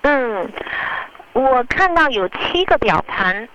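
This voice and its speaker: A woman playing a customer in a scripted phone role-play, with deliberate, expressive phrasing. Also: on the high side, smooth, highs cut off.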